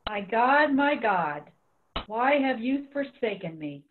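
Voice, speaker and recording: A woman's voice: on the high side, sing-song, slow, slight background noise. A woman giving a dramatic scripture reading as one of several readers. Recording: thin phone-like audio.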